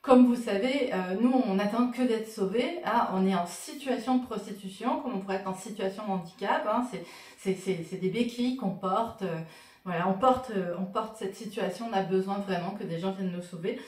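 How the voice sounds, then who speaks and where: A woman's voice: medium pitch, moderate pace, darkish tone, echoey room, far from the mic. A woman talking to camera about her own T-shirts, casual and wry, with plenty of fillers. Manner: wry, joking, many fillers. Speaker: vlogger showing her T-shirts.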